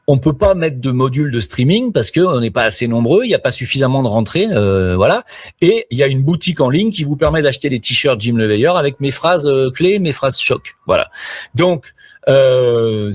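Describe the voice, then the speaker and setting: Middle-aged male streamer, rambling and hesitant, salty slang, average pitch, dry room. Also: breathy edge, dry recording. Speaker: live streamer promoting his platform. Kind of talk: rambling live-stream chat.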